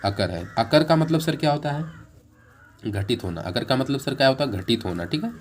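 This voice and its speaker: A man teaching an exam-prep lesson, explaining English words in Hindi with lots of repetition and reading the English questions slowly, word by word. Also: mid-range voice, lively intonation, a little hiss or hum. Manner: explains English words in Hindi, repeating each meaning, ends points with "theek hai sir".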